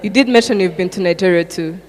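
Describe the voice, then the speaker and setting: A woman interviewing a guest, asking friendly, halting questions. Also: on the low side. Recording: long hall reverb.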